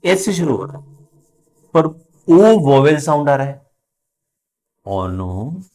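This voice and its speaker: A man teaching an English grammar lesson, slowly drawing out each example word as he explains it. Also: fairly high pitch, big pitch swings, a little mellow. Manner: slow, drawn-out spelling of example words.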